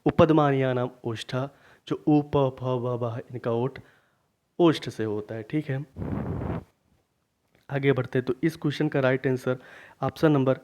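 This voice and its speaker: A man teaching a grammar lesson for exam preparation, asking questions and then answering them himself, repeating key points slowly. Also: medium pitch, fairly even intonation, a little mellow. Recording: dull lo-fi recording.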